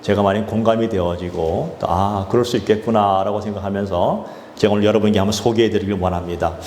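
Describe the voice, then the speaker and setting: A man's voice: fairly low pitch, steady tone, fast, darkish tone. A man, a pastor, telling a story in a sermon, with loose fillers and restarts along the way. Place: church sanctuary. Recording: echoey church hall with faint noise.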